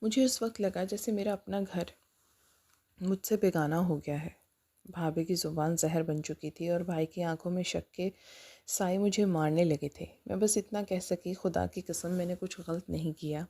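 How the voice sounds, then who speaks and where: A woman's voice: fairly low pitch, steady tone, mellow. A woman narrating a first-person dramatic story in an earnest, emotional manner.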